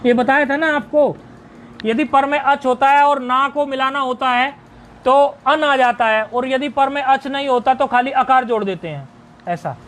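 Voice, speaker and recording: This extremely high-pitched, slightly bright male voice belongs to a Sanskrit grammar teacher in a recorded video lesson. He explains each step, asks and answers his own questions, and reads out word forms slowly as a list, with slight background noise present.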